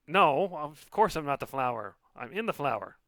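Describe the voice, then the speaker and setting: A man's voice: fairly high pitch, very animated, moderate pace, a bit bright, no room sound, voice pushed up. A man voicing a tiny frantic captive being in a tabletop game, jittery and hesitant, repeating itself. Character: tiny frantic captive being trapped inside a glass lily.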